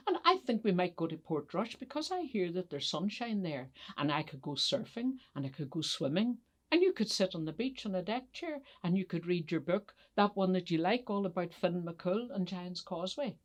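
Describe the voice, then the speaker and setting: A woman voicing a fed-up but kindly old male Santa, speaking emphatically with drawn-out words in a children's story. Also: fairly low pitch, sing-song. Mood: fed up, resolute.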